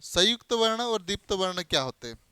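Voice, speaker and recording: A man teaching a grammar class in a high, crisp voice. He keeps asking the class questions and then answering them himself, hammering home each key term. The sound is dry and close, with no room around it. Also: lively intonation, a little fast, bright, forceful tone, no echo. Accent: Hindi. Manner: explains by spelling out letters and giving everyday examples.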